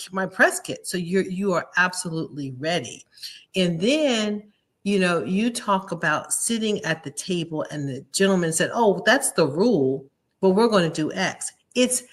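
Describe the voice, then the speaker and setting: A woman host talking up business lessons in a lively, motivational way, tagging her points with "right?". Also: mid-range voice. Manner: upbeat, tags lines with "right?". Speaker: show host and business speaker.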